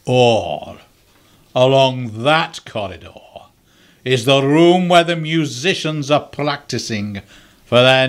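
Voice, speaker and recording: An amateur actor playing a pompous, menacing sheriff in a theatrical radio play. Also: male voice, mid-range voice, fairly bright tone. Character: pompous menacing villain, the male Sheriff of Nottingham.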